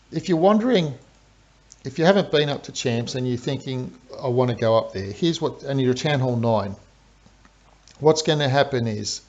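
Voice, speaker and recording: An Australian man streams a game, chatting through live commentary and walking through his strategy step by step. His voice sits at medium pitch with vocal fry and a darkish tone. The stream audio is dull and lo-fi.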